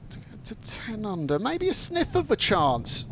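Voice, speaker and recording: A man with a fairly high voice delivers play-by-play as a golf commentator, setting out shots and scores. A light layer of background noise runs underneath. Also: huge pitch swings, unhurried, a bit bright, rough recording.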